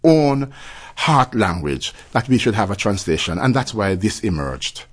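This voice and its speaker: A Jamaican man talks in a low-leaning, husky voice. He explains things conversationally as an interview guest, choosing his phrases with deliberate care. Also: big pitch swings. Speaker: interview guest, church leader and former pastor.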